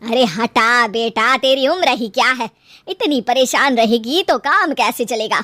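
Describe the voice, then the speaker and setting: A woman voicing an older mother in a cartoon story, soft, consoling and resigned. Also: a little high, a little slow, no room sound, clean studio sound.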